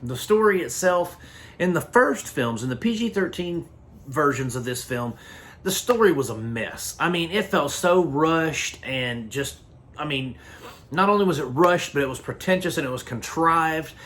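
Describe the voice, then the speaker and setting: A man's voice: fairly high pitch, animated, moderate pace, fairly bright tone. A man hosting a casual film review, talking bluntly and rambling with frequent restarts. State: hiccups. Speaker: movie reviewer.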